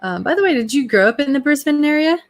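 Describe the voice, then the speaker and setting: A woman's voice: sits high, animated, fast. A woman host asking friendly, easygoing questions in a casual interview.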